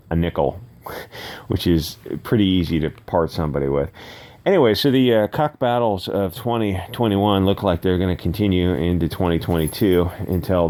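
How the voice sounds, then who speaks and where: A man's voice: sits low, darkish tone. A man hosting his own channel, talking in a rambling, sarcastic commentary with frequent hesitations. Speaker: channel host. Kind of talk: casual solo commentary.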